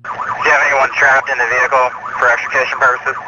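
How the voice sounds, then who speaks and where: A man's voice: mid-range voice, flat delivery, fast talker. A man working as an emergency responder, speaking in terse radio traffic over a two-way radio. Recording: muffled, noisy scanner radio, vehicle and siren.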